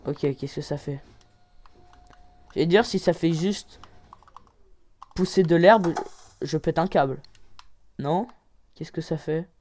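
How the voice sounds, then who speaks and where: A woman hosting a gaming channel, giving excited game commentary with loud exclamations, rating each item out of ten. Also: low voice, takes it slowly, long pauses, a little hiss or hum.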